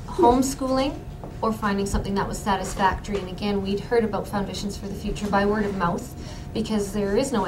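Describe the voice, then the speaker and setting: A woman's voice: mid-range voice, background noise. A woman, a mother of school children, chatting candidly in an interview. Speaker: parent. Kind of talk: interview answers.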